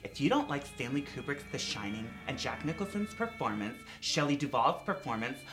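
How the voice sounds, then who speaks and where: A young man co-hosting a casual horror film chat in a campy, gushing, animated way. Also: mid-range voice, fairly quick. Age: young adult. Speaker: co-host. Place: indoor horror-themed studio set. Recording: music behind the voice.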